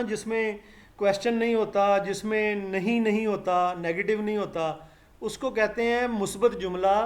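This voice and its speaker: The speaker is an English teacher, a man with a fairly high-pitched voice, leading a live online English lesson. He speaks, calls his students "beta," and works through each sound with slow, patient drilling.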